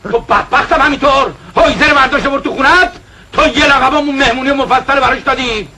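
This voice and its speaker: An actor playing a frantic middle-aged man near breakdown, ranting bitterly and shouting in an Iranian film drama. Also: extremely high pitch, slight background noise, heavily acted, rough recording. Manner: shouting, bitter, agitated rants.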